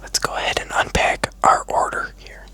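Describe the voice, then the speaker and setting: A food vlogger speaking in an unhurried, casual, chatty whisper close to the microphone for an ASMR mukbang video. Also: pushed and bright.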